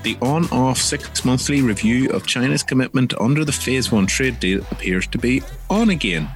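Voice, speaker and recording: A man's voice: medium pitch, animated, moderate pace, soft background music. A man with a Northern Irish accent, hosting a news podcast as a journalist with scripted introductions and interview questions.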